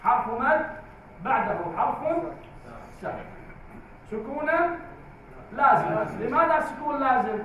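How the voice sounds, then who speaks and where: A man teaching a tajweed class in a classroom, slow and drawn-out, repeating key words for the class. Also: very high-pitched, a bit bright, a little hiss or hum. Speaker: Quran recitation teacher. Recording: very echoey, distant, tinny phone-like sound.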